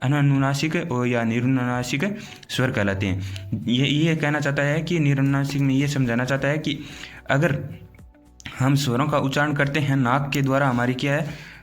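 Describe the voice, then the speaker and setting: A man's voice: mid-range voice, fairly even intonation, moderate pace. Male teacher for an exam-prep grammar class, explains step by step, keeps checking in with the class, faint music behind. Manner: explains step by step, often asks "theek hai na?"; asks questions, then answers them himself.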